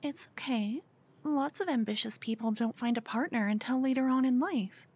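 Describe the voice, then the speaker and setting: Playing an infatuated fangirl in an ASMR roleplay, this woman sounds nervous but defiant: she stammers, gets flustered yet bold, and keeps breathing her lines down toward a whisper. Her pitch is on the high side, her pace moderate, her tone darkish.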